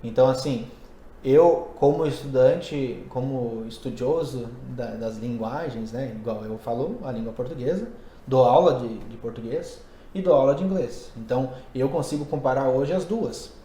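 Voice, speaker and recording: A man's voice: mid-range voice, moderate pace, warm tone, a little hiss or hum. A man who teaches English and Portuguese, hosting a casual podcast and explaining ideas conversationally while thinking aloud. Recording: roomy echo.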